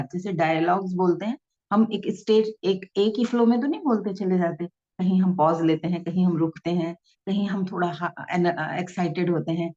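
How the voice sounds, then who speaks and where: A woman's voice: mid-range voice, dark tone. A woman teaching in a patient, instructive way, repeating her points and reading passages aloud with expression. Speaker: self-help teacher. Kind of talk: explanatory talk to camera. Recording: dull lo-fi sound.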